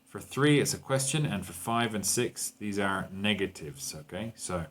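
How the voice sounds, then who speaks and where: A man's voice: on the low side, animated, normal speed, fairly bright tone. A man teaching a grammar lesson to Spanish speakers, explaining patiently and checking in with "okay?" and "right?". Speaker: English teacher.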